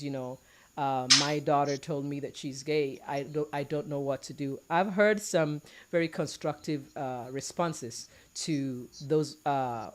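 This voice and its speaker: A woman from Nigeria hosting a live talk show, playful and teasing as she introduces her guests and the topic. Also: deep voice.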